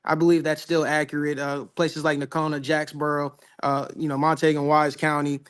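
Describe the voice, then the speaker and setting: A man's voice: on the high side, little pitch movement, brisk, a bit bright, smooth. A man co-hosting a live weather show, talking the forecast through in a laid-back, drawling way. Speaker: weather co-host. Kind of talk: casual live weather chat.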